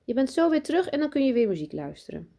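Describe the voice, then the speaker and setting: A woman voicing a gentle, sad older grandfather who coaxes his grandson kindly. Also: sits high, sing-song, fast talker, pitched above the performer's own voice, exaggerated voice. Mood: coaxing. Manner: coaxing, kindly.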